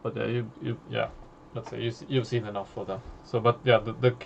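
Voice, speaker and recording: Gravelly male game master, hesitant, filler-heavy delivery. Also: medium pitch, level tone, lo-fi sound, a little hiss or hum. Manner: halting, many fillers and restarts. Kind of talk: narrating a tabletop horror game.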